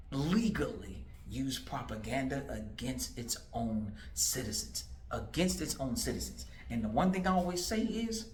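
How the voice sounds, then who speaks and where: A man in his forties running for office speaks straight to the viewer, emphatic and repetitive, piling up rhetorical questions. His voice is medium-pitched and a bit bright, with a faint hiss or hum over a roomy echo.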